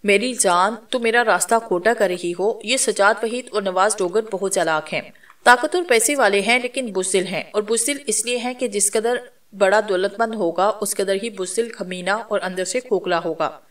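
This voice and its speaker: A woman's voice: mid-range voice, moderate pace, a bit bright, natural voice. Woman narrator reading a confident young man, determined, plain mid voice, distant mic. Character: determined young man, Jiru, her lover.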